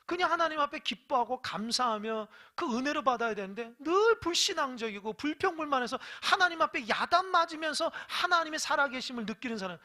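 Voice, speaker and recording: A pastor delivers a sermon in a bright, forceful voice. The preaching is emphatic and full of rhetorical questions aimed at the congregation. It swings sharply between loud exhortation and quiet, hushed asides. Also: mid-range voice.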